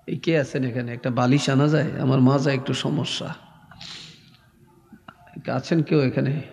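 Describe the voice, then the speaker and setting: A man preaching a sermon to a crowd, speaking slowly and softly with a sing-song storyteller's lilt. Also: medium pitch, steady tone, gravelly. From Bangladesh. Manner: slow, soft-spoken, sing-song storytelling. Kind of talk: Islamic sermon. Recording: echoey hall reverb from a PA.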